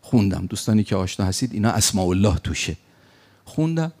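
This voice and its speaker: During his sermon, a man tells an emphatic story and performs the quoted lines of its characters. His voice is on the low side and a little mellow, with big swings in pitch.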